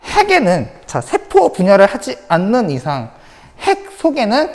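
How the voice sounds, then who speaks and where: A woman's voice: medium pitch, wildly swooping pitch, normal speed, darkish tone, long reverb tail. A woman teacher giving an online science lecture, repeating key points and asking the class rhetorical questions. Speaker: high school science teacher.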